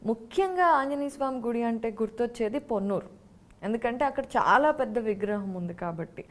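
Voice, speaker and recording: Woman interviewer, slightly high voice. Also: animated, fairly quick. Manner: short affirming interjections, polite questions. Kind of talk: respectful interview.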